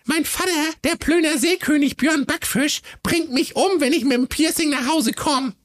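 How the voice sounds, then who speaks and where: A man's voice: very high-pitched, voice pushed up. A man voicing a cheeky, rude young mermaid princess in a comic fairy tale, with a snappy, mocking way of talking. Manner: snappy, mocking, quick-tongued.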